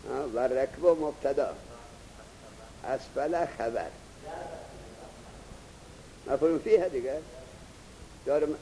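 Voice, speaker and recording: A man teaching grammar in a classroom lecture, reading Arabic text slowly, then explaining it in Persian and putting questions to his students. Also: on the high side, dark tone, long reverb tail, a little hiss or hum, poor audio.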